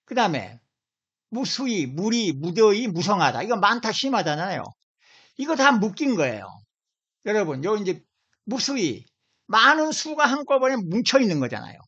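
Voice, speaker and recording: A man's voice: sits high, sing-song, normal speed, fairly bright tone, slightly rough. A man from Seoul giving an informal video lecture, emphatic, often repeating and stretching out single words. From Seoul, South Korea. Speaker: lecturer on language origins. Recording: dull lo-fi audio.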